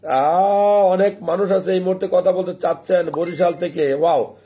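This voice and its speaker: A man hosting a casual live call-in stream, friendly and laughing often, slowly repeating phone numbers to viewers. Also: high-pitched, fairly even intonation, mellow.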